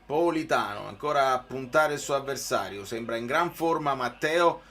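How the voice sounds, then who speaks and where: A man's voice: medium pitch, animated, moderate pace, a bit bright. A man giving live football commentary mixed with informal, conversational chat to viewers.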